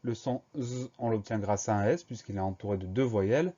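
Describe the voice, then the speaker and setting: A man teaching a spelling lesson to young pupils, spelling each word slowly, letter by letter. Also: lowish voice, mellow, highs cut off. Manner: slow, careful letter-by-letter dictation.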